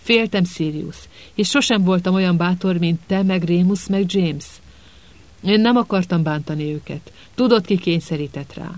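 A man's voice: high voice, no room sound, natural voice. A man voicing a sniveling, cowering middle-aged male traitor who whines and pleads. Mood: pleading. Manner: whining, pleading.

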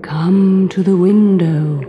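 A woman voicing the north wind as a male figure who talks slowly in a drawn-out, beckoning way. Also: on the low side, steady tone, muffled recording. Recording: music playing behind.

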